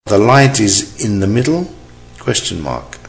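Male dictation reader, deep-ish and unhurried, deliberate delivery for a language lesson. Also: very animated, creaky. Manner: measured, deliberate, each phrase said three times. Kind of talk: slow repeated dictation with spoken punctuation.

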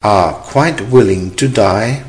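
A man reading a dictation exercise, saying each phrase three times in a measured, deliberate way and speaking the punctuation aloud. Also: on the low side. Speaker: dictation reader. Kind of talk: slow repeated dictation with spoken punctuation.

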